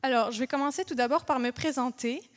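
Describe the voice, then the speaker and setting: A young woman from France gives an interactive engineering lecture in a French accent. Her voice sits a little high. She speaks loosely and chattily, often pausing on fillers to check in with her listeners. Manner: chatty, asks the audience questions, many fillers. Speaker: engineer giving a public lecture. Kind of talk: interactive public talk.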